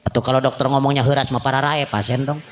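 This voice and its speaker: A man with a Sundanese accent preaching a comic sermon, acting out characters with shouted lines and quiet asides. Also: mid-range voice, flat delivery, fast. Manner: switches between Sundanese and Indonesian.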